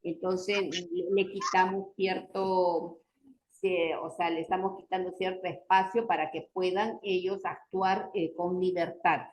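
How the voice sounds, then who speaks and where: A woman's voice: lowish voice, steady tone, a little slow, darkish tone, a little hiss or hum, poor audio. A woman teacher leading a class discussion, explaining points with rhetorical questions and frequent tag questions. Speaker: university teacher.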